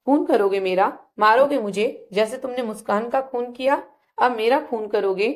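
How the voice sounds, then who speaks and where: A young wife with a fierce temper, played by a woman storyteller in a told family drama. She scolds in short, harsh commands. Her voice is fairly high. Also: moderate pace, darkish tone, natural voice. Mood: angry. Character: young wife, sharp-tempered, later remorseful.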